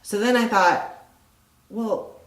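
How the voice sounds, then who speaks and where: A woman's voice: medium pitch, slow, reverberant, poor audio. A middle-aged woman who owns a restaurant, talking casually in an interview, rambling and chatty with lots of fillers. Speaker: restaurant owner.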